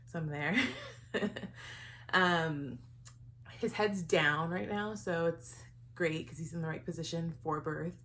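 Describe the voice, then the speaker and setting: Breathless young woman, low-pitched and chatty. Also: slow pace, pauses often, a bit bright, a little hiss or hum. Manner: chatty, giggly, with many ums. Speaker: vlogger. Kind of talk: casual pregnancy vlog.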